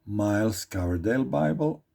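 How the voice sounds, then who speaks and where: This Bible teacher speaks at a moderate pace in a low-leaning, gravelly yet mellow voice with lively intonation. A native Croatian speaker with a Croatian accent, he gives an informal study talk, reading verses and going back over phrases to explain them.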